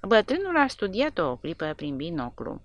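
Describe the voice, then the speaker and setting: Woman narrator, low voice, lively pitch, expressive audiobook reading, dry close sound. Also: dry recording, lo-fi sound. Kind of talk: war novel narration.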